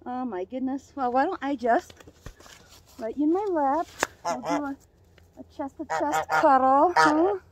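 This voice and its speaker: Slow-talking woman cooing to her geese. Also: high-pitched, fairly even intonation, gravelly, noisy background. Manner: cooing baby talk to a goose, chuckling often. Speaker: vlogger. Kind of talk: casual outdoor vlog with pet geese. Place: outdoors on a cold farm property. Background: geese honking.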